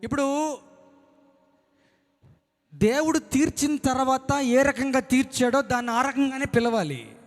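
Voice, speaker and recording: A man preaching a sermon as pastor, dramatic, switching between mocking whispers and loud shouts. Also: very high-pitched, expressive, measured pace, long pauses. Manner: dramatic, mimics timid believers in whispers, then shouts. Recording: long hall reverb.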